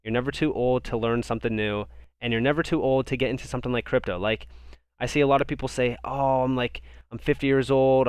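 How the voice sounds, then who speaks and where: A man's voice: mid-range voice, clear, resonant tone, no echo, clean studio sound. Casual young man reading stream chat. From United States. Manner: casual, rambling, repeats words. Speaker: crypto livestream host.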